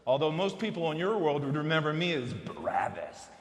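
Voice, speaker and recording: A man's voice: fairly high pitch, big pitch swings, brisk. A man playing the playful spirit of an ancient criminal in a comic stage drama, theatrical, chummy and exuberant. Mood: jovial, grandiose. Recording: echoey hall, music behind.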